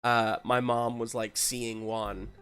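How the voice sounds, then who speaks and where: A woman's voice: extremely low pitch, level tone, takes it slowly, over loud music. A woman playing a tabletop roleplaying game, chatting and improvising casually in a joking, sometimes hesitant way.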